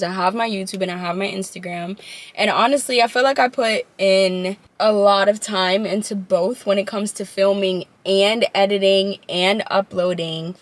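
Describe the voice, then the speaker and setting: A young woman talks casually to her followers like a vlogger. She has a laid-back stoner manner with slangy, conversational phrasing. Her pitch sits in the middle for a woman. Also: dry recording. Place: inside a parked car, later a room at home.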